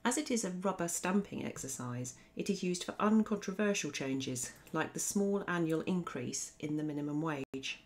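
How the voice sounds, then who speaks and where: A woman narrating a scripted law revision lesson as a voice-over, explaining in a clear, methodical way. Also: deep voice, expressive, moderate pace, hardly any pauses. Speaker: law teacher.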